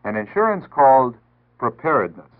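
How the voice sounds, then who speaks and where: An American man with a medium-pitched voice reads a scripted 1960s civil defense announcement at normal speed, his pitch swinging widely. His delivery is earnest, instructive and formal. The audio is tinny and band-limited, like a 1960s radio archive.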